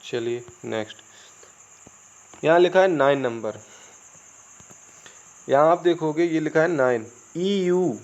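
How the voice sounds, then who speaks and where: A man's voice: fairly high pitch, slow pace, long pauses, a little mellow. A man with an Indian accent, a native Hindi speaker, teaching English. He spells words out letter by letter and asks and answers his own questions. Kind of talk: classroom-style spoken lesson. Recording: dull lo-fi recording, crickets behind.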